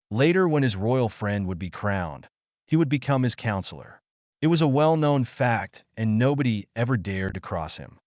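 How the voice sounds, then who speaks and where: A man reading fan-fiction narration aloud in a steady storytelling manner. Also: medium pitch, no echo, clean studio sound.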